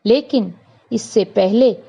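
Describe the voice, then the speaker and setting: A woman voicing a stern male employer who loudly scolds and then lectures a timid servant, in a read-aloud lesson. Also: medium pitch, slow pace, creaky, breathy edge, full character voice. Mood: firm lecturing. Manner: loud, raised, indignant lecturing. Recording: dull lo-fi recording.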